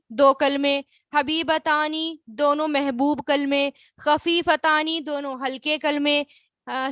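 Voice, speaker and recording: Bright high-voiced woman teaching slowly. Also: dry recording, studio quality. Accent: Pakistani Urdu. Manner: explains slowly, drawing out words and repeating them; asks the class questions and answers them herself. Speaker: Arabic grammar teacher. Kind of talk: online class lesson.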